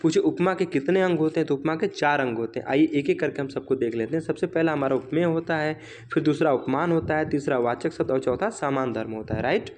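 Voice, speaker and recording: Man teaching, slightly high voice. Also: a little mellow, slight background noise. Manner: rhetorical questions answered himself, frequent "right?"; slows down to recite example lines. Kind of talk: exam revision lecture.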